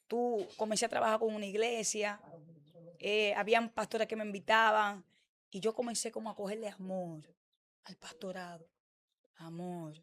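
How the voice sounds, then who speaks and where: A woman's voice: mid-range voice, normal speed. A woman pastor with a Dominican accent, giving her testimony in an interview and acting out the dialogue she quotes. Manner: animated storytelling, acts out quoted dialogue.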